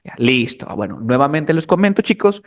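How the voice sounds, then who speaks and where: A man explaining English grammar as a teacher, animated and talking straight to his students. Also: fairly high pitch, a little fast. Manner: animated, addresses students as "chicos". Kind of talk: lesson explanation.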